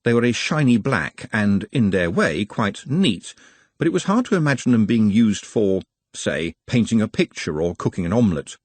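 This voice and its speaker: A man narrating an audiobook in a measured storytelling manner, with a husky voice. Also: on the low side, big pitch swings, no echo. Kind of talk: scripted narration.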